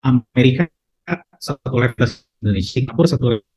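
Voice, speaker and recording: A man giving a presentation over a video call, and his audio keeps breaking up and dropping out. He talks fast and explains with many fillers and restarts. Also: medium pitch, darkish tone, slightly rough, dry recording, low-quality recording.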